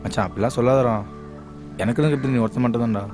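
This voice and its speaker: A man's voice: medium pitch, quick pace, over music, close to an everyday voice. An actor playing an earnest, lovesick friend who pleads with his pal in a film drama.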